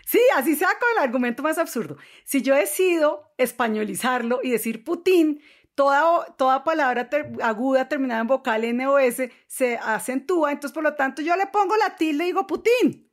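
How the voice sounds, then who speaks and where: A woman's voice: high-pitched, brisk, few pauses. A woman co-hosting a podcast, defending her point defiantly. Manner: defiant, argumentative. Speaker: podcast co-host. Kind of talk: casual panel chat.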